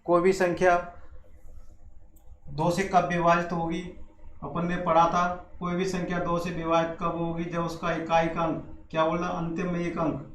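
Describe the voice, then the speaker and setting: This is a man teaching maths to a class, speaking a little slowly in a high-leaning, totally flat voice. He repeats points and asks questions only to answer them himself, recorded in an echoey space with light background hiss.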